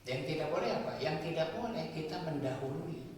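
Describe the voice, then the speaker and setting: A male preacher delivers a sermon in a mosque hall, working through his points one by one and posing questions he then answers himself. His voice is on the high side, animated, brisk and a little mellow, and it sounds far off in the echoey room.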